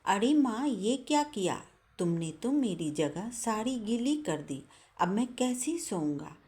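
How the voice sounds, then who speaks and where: A woman voicing an impatient, angry grown son in a spoken moral story, her voice rising higher and louder as he complains. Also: sing-song, measured pace. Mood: annoyed. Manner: exasperated, raising voice in complaint.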